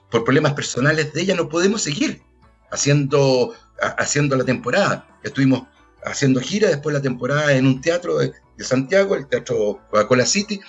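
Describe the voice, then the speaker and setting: A man's voice: medium pitch, highs cut off. A middle-aged Chilean man, a theater actor and director, talking earnestly in an interview and often tagging his points with a questioning "ah?". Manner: earnest, keeps adding questioning tags. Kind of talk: reflective interview talk.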